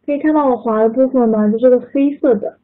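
A woman's voice: high-pitched, fairly even intonation, fast. A woman teaching English pronunciation in an online class, patiently correcting students and calling on them by name over video call. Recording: tinny online call audio.

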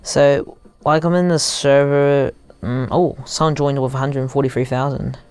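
A young man giving casual gameplay commentary into headphones used as a mic, haltingly thinking aloud as he goes. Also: mid-range voice, fairly even intonation, darkish tone, clear, resonant tone. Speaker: gaming YouTuber.

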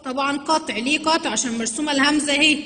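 A woman teacher with an Egyptian accent explains a grammar lesson and stretches and repeats words slowly to demonstrate them. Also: sits high, pushed and bright, slight background noise. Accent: Egyptian Arabic. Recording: long reverb, roomy sound.

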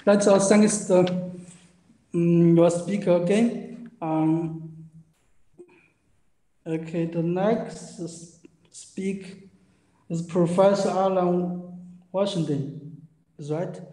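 A man chairing a video-call session who introduces speakers haltingly and gives brief acknowledgements. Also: high voice, steady tone, mellow, roomy sound, poor audio.

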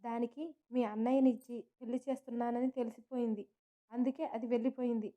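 A woman's voice: fairly high pitch, flat delivery, fast talker, dark tone, natural voice. A woman narrator voicing a furious, scheming middle-aged mother who speaks harshly and makes threats. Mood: angry.

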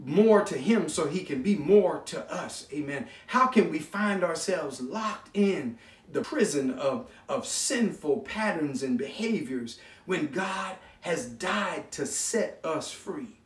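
A man's voice: on the high side, animated, slow. A man preaching a sermon as pastor, impassioned, calling on the congregation to answer back and repeating his words. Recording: echoey room, mic from far off.

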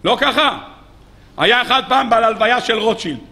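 High, bright-voiced rabbi giving a sermon. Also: male voice, creaky. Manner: animated storytelling, acting out quoted speakers; rhetorical questions to the audience. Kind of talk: weekly Torah sermon.

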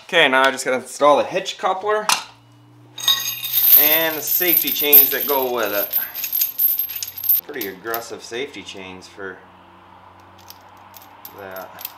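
For his vlog, a man in his thirties casually explains how to assemble a trailer, step by step, from his home garage workshop. He speaks a little slowly at medium pitch and pauses often, while the recording carries garage noise.

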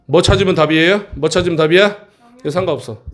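A man teaching an English textbook passage to middle school students in a classroom, often checking in with quick questions. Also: on the high side.

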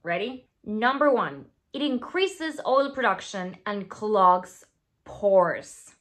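Indoors before a plain studio backdrop, a Venezuelan skincare founder in her thirties reads a scripted piece to camera at a slow, medium-pitched pace. Spanish is her native tongue and her accent is Venezuelan Spanish. She keeps things playful and lively, dipping into whispered asides.

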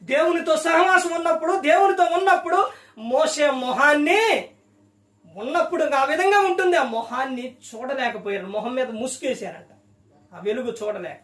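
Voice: sits high, moderate pace, fairly bright tone, echoey room, recorded from a distance. A preacher giving a sermon, firing rhetorical questions at the listener.

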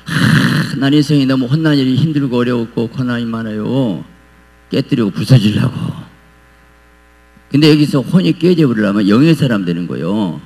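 An animated male pastor with a gravelly edge to his voice preaches in a church, his pitch leaping up and down. He acts out pleading prayers as he goes. His voice rings with long hall reverb over a low mains hum. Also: fairly quick. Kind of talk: revival sermon. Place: church sanctuary.

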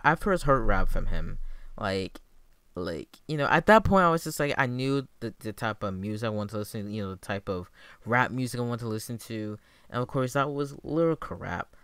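Hyped young frat-bro with swooping pitch. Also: male voice, sharp tone, clear, resonant tone, no room sound. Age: young adult. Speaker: music reaction video maker. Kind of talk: excited casual reaction commentary.

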